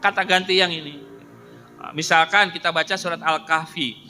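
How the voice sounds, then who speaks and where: A man's voice: fairly high pitch, fairly even intonation, normal speed, sharp tone, a little hiss or hum. A man, teaching a Quran lesson in a mosque and patiently drilling words for the congregation to repeat. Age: 50s. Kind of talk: mosque study lesson with call-and-response drills. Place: mosque hall. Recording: long reverb of a mosque hall.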